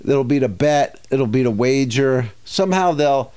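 A man's voice: medium pitch, animated, moderate pace, dark tone, clean tone. A man co-hosting a casual podcast chat, telling rambling stories full of acted asides. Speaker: podcast co-host.

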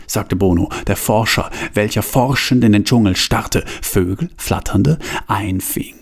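A man reading his own absurd story aloud in a deadpan manner, with drawn-out pauses. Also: mid-range voice.

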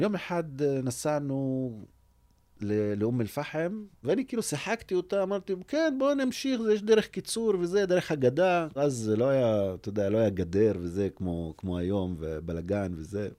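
A man from Umm al-Fahm, a native Arabic speaker, tells a story as a film director guest in an interview and acts out the voices in it. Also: fairly low pitch. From Umm al-Fahm, Israel. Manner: animated storyteller who acts out quoted speech.

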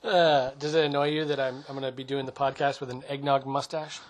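A man co-hosting a casual podcast with a friend, easygoing and quick to laugh, with some hesitant fillers. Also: medium pitch, flat delivery. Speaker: podcast co-host. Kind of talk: casual chat.

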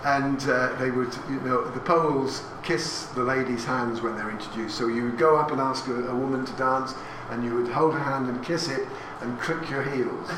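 An English man in his sixties tells a family story to an audience in a hall, chatty and anecdotal, with asides and questions for listeners. His mid-range voice is steady, at normal speed with few pauses. It's recorded from a distance in an echoey room, with audience noise.

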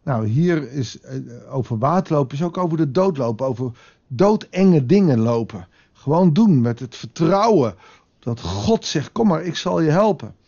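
Male preacher, gravelly and a bit high-pitched, conversational sermon, lo-fi recording. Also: very animated, normal speed, warm tone. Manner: conversational, with dramatic acted quotes. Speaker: pastor. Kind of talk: devotional sermon.

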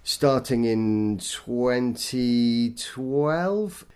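A man, a poet, talking thoughtfully and self-deprecatingly in an interview, in a halting way. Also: medium pitch, expressive, a little mellow, clear, resonant tone. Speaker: poet guest. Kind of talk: interview conversation.

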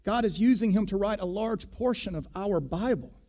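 A pastor preaching a sermon, deliberate and emphatic, pressing hard on key words. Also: male voice, high voice, darkish tone.

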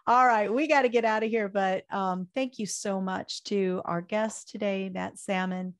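An older woman hosts a political talk radio show, hoarse and preaching with fiery conviction before signing off in a chatty way. Her voice is medium-pitched, steady in tone, and unhurried.

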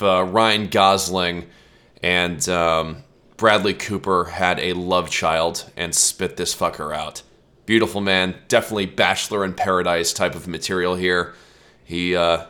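A man's voice: low voice, pushed and bright. A man in his late twenties from the United States, hosting a casual podcast chat and joking around with a lot of swearing. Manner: joking, profane, laughs often. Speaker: podcast host.

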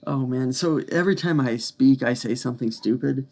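Gravelly-voiced man hosting a podcast. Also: mid-range voice, fairly quick, darkish tone. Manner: chatty, laughs often, self-deprecating. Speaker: podcast host. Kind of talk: casual chat.

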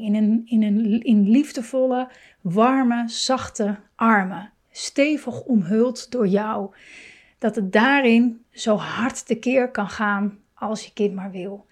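A woman speaking gently as a parenting coach, with many fillers, restarts and soft laughs. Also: on the high side, takes it slowly. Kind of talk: calm spoken advice.

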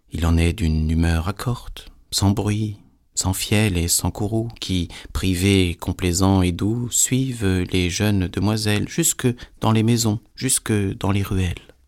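A man reading a fairy tale aloud in a measured, deliberate way. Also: low voice, fairly even intonation, a little mellow. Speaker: storyteller.

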